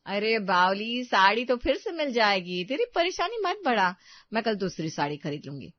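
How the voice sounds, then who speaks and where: A woman voicing a calm, patient elder sister-in-law who soothes gently, in a cartoon story. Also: mid-range voice, moderate pace, no echo, muffled recording, close to an everyday voice. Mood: soothing.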